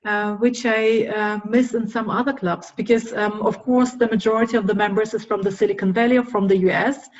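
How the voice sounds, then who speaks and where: A woman's voice: mid-range voice, fairly even intonation, a little fast, hardly any pauses, a little mellow, dull audio. A woman, a guest speaker in an online club meeting, who talks with many hesitant "um" fillers. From Germany.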